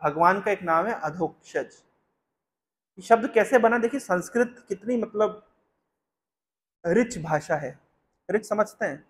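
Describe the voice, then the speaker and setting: A spiritual teacher with a high voice gives a discourse to a gathered audience. He chants verses slowly, then explains them, frequently asking questions.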